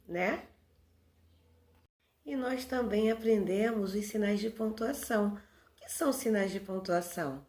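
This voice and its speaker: A woman's voice: mid-range voice, a little mellow. A woman with a Brazilian Portuguese accent, a primary school teacher giving a recorded review lesson for young children, patiently asking questions and answering them herself. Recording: echoey room.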